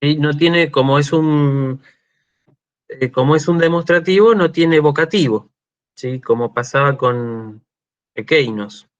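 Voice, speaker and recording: A man giving an online university lecture, slow and deliberate, checking in often with his students. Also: on the high side, highs cut off. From Argentina. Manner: slow, checks in with frequent "¿sí?" and "este" fillers. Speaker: university lecturer in Greek language and culture.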